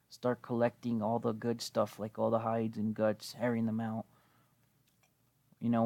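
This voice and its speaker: A man's voice: mid-range voice, no room sound. Slightly wheezy young man with a cold. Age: 20s. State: coming down with a cold. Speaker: gaming video host. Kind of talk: casual rambling gameplay commentary.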